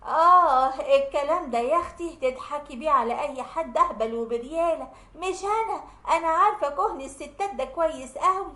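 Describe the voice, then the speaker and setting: A woman's voice: sits high, a little fast. A woman voicing a domineering older Egyptian mother-in-law who scolds with scorn. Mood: scolding. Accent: Egyptian Arabic. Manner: sharp, scornful, bossy. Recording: roomy echo.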